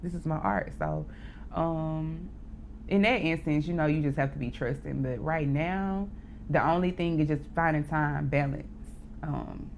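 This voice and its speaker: A young woman with a deep voice, a poet and rapper, appears as a guest in a casual interview. She tells stories in a relaxed, candid, unhurried way, filling her talk with "like" and "um." There is a little hiss or hum.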